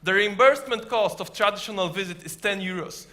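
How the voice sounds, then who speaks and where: Man, high-pitched, bright forceful tone, rehearsed founder pitch. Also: brisk. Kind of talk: rehearsed competitive startup pitch.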